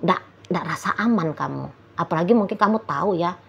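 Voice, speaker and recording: A woman's voice: lowish voice, brisk, creaky, slightly rough, dull audio. A woman talking straight to a single viewer about their relationship in a casual, chatty way. She keeps returning to little tag phrases and sometimes acts out what a partner might say. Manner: chatty, repeats "gitu ya", acts out quoted lines. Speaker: relationship reader addressing a viewer. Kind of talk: casual advice monologue.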